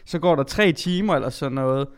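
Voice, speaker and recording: A young man co-hosting a podcast, telling a story in a relaxed, chatty way. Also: a little high, noisy background. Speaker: podcast co-host. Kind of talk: casual storytelling chat.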